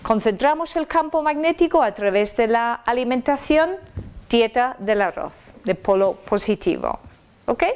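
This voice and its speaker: A woman giving a live spiritual self-help talk, chatty and lively, checking in with her listeners and throwing in playful sound effects. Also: on the high side. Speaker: speaker at a personal-growth talk. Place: lecture room with a live audience.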